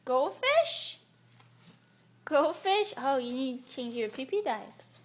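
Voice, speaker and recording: A woman's voice: sits high, big pitch swings, slow pace. A young woman reading and counting with her toddler, using simple repeated phrases and encouragement, switching between English and Portuguese. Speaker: mother teaching her toddler. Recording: noisy home recording with clicks.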